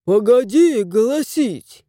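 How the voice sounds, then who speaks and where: A woman voicing a grumbling, gruff old male house spirit in a storybook reading. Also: a little high, expressive, takes it slowly, dark tone, dry recording, studio quality.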